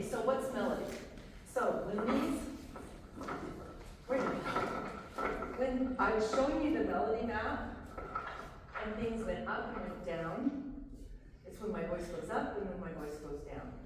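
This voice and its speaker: Lively woman teaching in an echoey hall. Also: medium pitch. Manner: lively, breaks into singing examples. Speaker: music workshop presenter. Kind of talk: teaching a workshop to adults. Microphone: distant from the microphone. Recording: roomy echo, distant, noisy.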